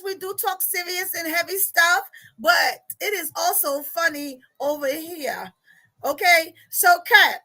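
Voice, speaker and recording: A woman chats on a livestream as a life coach. Her voice is very high and bright, with slow, drawn-out delivery. She talks in an animated way and laughs often. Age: 40s. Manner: animated, laughing, chatty, reads comments aloud. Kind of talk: casual livestream chat.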